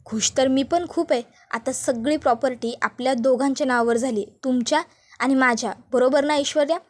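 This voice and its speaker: A woman's voice: high voice, normal speed. A woman voicing a scheming husband who talks politely and coaxingly to his wife. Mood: pleased. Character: scheming husband, man, pleased with himself.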